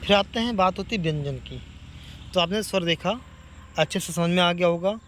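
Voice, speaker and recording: High-voiced teacher quizzing himself. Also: male voice, a bit bright, a little hiss or hum. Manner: asks questions then answers them himself; stretches sounds out slowly when demonstrating vowels. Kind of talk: exam-prep grammar lesson.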